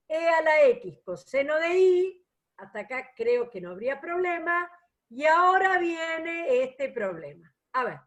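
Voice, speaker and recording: A woman teaching a math class online, patient and explanatory, often checking that students follow. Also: high-pitched.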